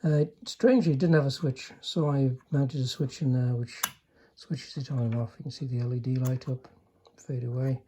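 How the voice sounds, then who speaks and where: The speaker is an older man, a radio repairer, casually walking through a restored chassis by hand. He is understated and hesitant with trailing remarks. His medium-pitched voice keeps fairly even intonation at normal speed with few pauses, and background noise is audible.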